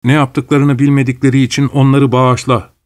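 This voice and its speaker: A man doing a calm, earnest old missionary. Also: mid-range voice, moderate pace, lightly acted. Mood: praying. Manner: earnest, pleading. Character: calm steadfast older male missionary.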